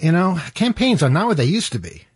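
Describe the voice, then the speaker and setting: A man's voice: high-pitched, huge pitch swings, fairly quick, husky, dry recording, studio quality. A man hosting a radio show in a casual, hesitant, conversational way. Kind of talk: casual talk radio chat.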